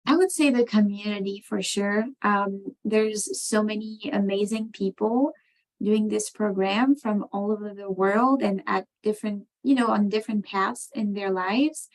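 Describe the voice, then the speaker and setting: A woman from France, answering interview questions on a video call, talking thoughtfully with many pauses and fillers. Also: mid-range voice, low-quality recording. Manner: thoughtful, many ums and you knows. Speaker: program participant.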